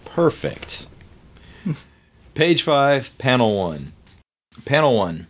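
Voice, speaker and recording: A man hosting and narrating, reading the panel directions of a comic script aloud briskly. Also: low-pitched, animated. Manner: brisk, reads panel directions, laughs between lines. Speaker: host and narrator.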